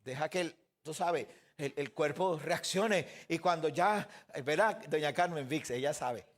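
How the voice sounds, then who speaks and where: A pastor giving a sermon in an earnest way, often putting questions straight to the listeners. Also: male voice, a little high, unhurried.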